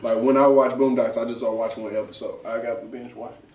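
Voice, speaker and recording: Speaking fast and flatly, a man with a medium, slightly mellow voice hosts a relaxed talk show. His banter is slangy and heavily profane. The sound is roomy and echoing from a far-off mic.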